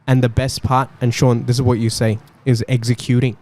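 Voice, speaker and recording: A man hosting a casual panel chat, talking in quick, animated bursts. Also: medium pitch. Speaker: podcast host.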